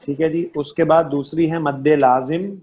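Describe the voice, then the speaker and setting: A man's voice: on the high side, steady tone, moderate pace, a little mellow. A man teaching an online class, patient, repeating key terms and checking often that his students understand.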